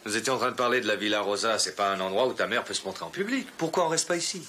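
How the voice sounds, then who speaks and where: An actor playing a stern, scornful, disapproving husband in dubbed film dialogue. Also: male voice, on the low side, animated, very fast, sharp tone. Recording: film soundtrack with faint background noise.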